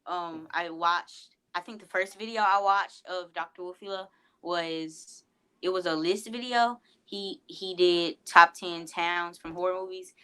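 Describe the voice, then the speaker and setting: A man's voice: high-pitched, fairly even intonation, a little slow, sharp tone, clean tone. A man chatting casually as a guest, hesitant and repeating himself. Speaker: horror host guest. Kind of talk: casual chat.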